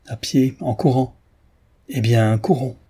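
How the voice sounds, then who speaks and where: A man's voice: medium pitch, takes it slowly, warm tone, husky, voice pushed up. A man reading aloud who voices a reserved young woman healer, firm and restrained, in a slightly raised voice.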